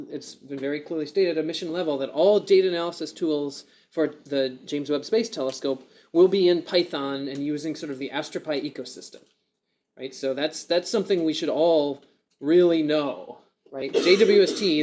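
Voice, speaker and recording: Male conference speaker, slightly high voice, informal and emphatic short-talk delivery. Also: darkish tone.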